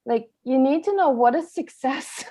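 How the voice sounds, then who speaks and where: A woman's voice: high voice, lively intonation, a little slow, warm tone. Chatty woman podcast co-host. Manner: chatty, laughs often, asks rhetorical questions. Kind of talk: casual podcast chat. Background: family talking at home.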